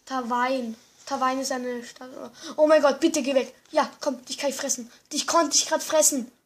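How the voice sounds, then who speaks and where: A young gamer giving excited commentary, exclaiming often and muttering to themself. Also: sits high, moderate pace. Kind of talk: excited let's-play commentary.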